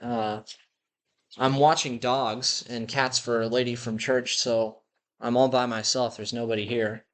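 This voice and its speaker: Dogs' claws click behind a man with a slight lisp as he wanders a house recording a personal audio journal on his laptop's built-in mic. The vlogger speaks at medium pitch in a level, slightly bright tone, a little slowly, musing and poking fun at himself.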